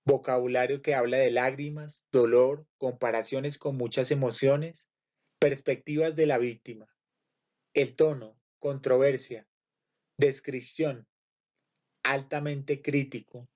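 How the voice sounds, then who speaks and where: A man reads a literature lesson aloud at a mid pitch. He works through lists item by item in a measured, steady way. The recording sounds muffled and lo-fi. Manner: measured, list-by-list reading. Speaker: literature teacher.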